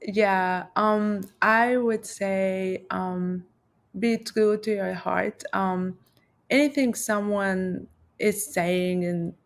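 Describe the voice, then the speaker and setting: Speaking very slowly in a steady, mid-range voice, this Lebanese math professor, a middle-aged woman, reflects casually as an interview guest. Her talk is full of fillers and restarts.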